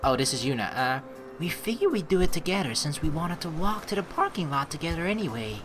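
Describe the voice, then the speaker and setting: In this let's-play commentary, a woman reads the game's narration and reacts with chatty flair. She speaks fairly quickly in a low, sing-song voice, with faint game music underneath.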